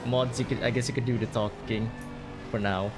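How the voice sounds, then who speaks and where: A man's voice: mid-range voice, steady tone, a little fast, over music. A man bantering casually with fellow sim racing drivers in a group voice chat, joking and laughing easily.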